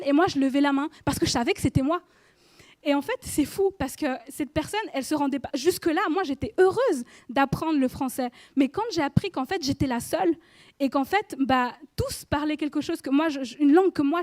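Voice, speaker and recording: A woman's voice: sits high, darkish tone, dry recording. A woman in her thirties giving an informal sermon in church, chatty and speaking directly to the listener with frequent questions. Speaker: preacher.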